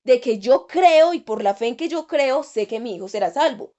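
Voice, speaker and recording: A woman delivers a sermon in a high voice. She speaks earnestly and repeats her key phrases for emphasis. The recording is dull and lo-fi. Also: lively intonation, moderate pace, dark tone. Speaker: preacher.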